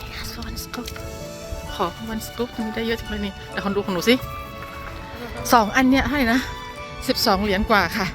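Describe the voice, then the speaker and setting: Chatty Thai-accented woman, higher voice. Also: moderate pace, pauses often, music in the background. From Thailand. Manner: chatty, laughs often, mixes in English phrases. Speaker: vlogger and mother. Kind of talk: casual vlog chat.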